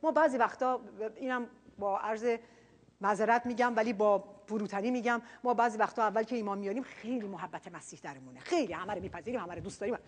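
A woman preacher giving a sermon, earnest, dropping quiet and then rising loud for emphasis. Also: medium pitch.

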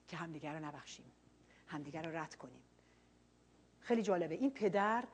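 A woman preacher giving a sermon, earnest, dropping quiet and then rising loud for emphasis. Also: medium pitch, breathy edge.

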